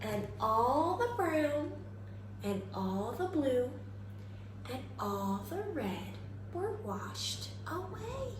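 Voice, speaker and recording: The recording rings with strong room echo over faint noise. A woman with a high voice reads and teaches for young children as a kindergarten teacher. Her delivery is exaggerated and very lively, inviting listeners to answer. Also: extremely slow. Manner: expressive, exaggerated, prompts listeners with questions. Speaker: kindergarten teacher reading aloud. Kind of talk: animated children's read-aloud and simple lesson.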